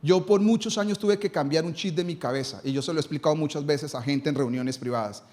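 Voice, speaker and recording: A man's voice: fairly high pitch, fast, a little mellow. A male pastor preaching a live sermon in his church, asking rhetorical questions and answering them himself.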